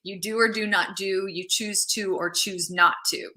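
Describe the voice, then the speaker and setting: A mindset coach hosts a loose, chatty livestream in a medium-pitched voice that is steady, bright and forceful, moving at a normal speed. She restarts phrases here and there and greets viewers joining the stream.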